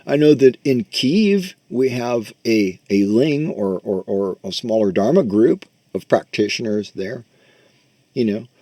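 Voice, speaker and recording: A man's voice: medium pitch, expressive, measured pace, mellow, no room sound. A man giving a loose, conversational Buddhist teaching with a guided meditation, cursing casually and speaking close to the microphone. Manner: loose, conversational, swears casually, many fillers.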